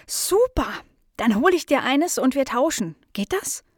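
A woman's voice: mid-range voice, expressive, moderate pace, dry recording, clean studio sound, lightly acted. A woman voicing a cheerful young female dog in a children's storybook, with an eager, childlike manner.

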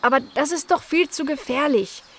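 An eager young female dog in a children's storybook, raised and bright in pitch, bossy when her guests misbehave, as a woman reads her. She talks in warm, firm bursts. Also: normal speed, slight background noise. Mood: scolding. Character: friendly young female dog, garden owner.

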